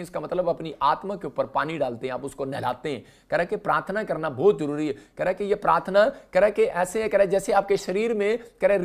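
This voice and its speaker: In a live morning prayer sermon, a male pastor with vocal fry repeats his refrains and shifts back and forth between loud calls and low murmurs.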